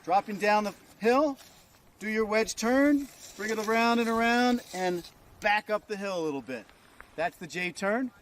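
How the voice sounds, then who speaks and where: High-pitched male ski instructor outdoors. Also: moderate pace, slight background noise. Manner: encouraging, informal coaching in short instructions. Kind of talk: ski lesson demonstrated on the slope.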